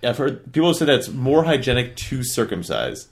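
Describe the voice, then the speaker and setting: A man's voice: mid-range voice, very animated, fairly quick. A man in casual podcast chat, explaining things matter-of-factly, a little distant from a shared microphone. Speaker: podcast co-host. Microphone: one shared microphone. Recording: distant from a single shared mic.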